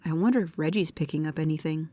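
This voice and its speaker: Speaking quickly in a low-pitched, warm voice, a woman voices a nervous, precise, bookish young paranormal investigator talking to the listener in an audio roleplay. Her mood is pedantic and curious, and her manner is pedantic, hesitant and earnest.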